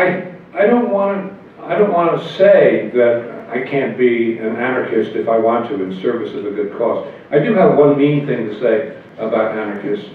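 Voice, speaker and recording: At a convention in a hotel meeting room, an older politician guest tells wry anecdotes in a relaxed, conversational way, chuckling at his own jokes. His voice is mid-range, heard from far through a table mic on a stand. The room is echoey, and the sound is thin and phone-like with a little hiss or hum.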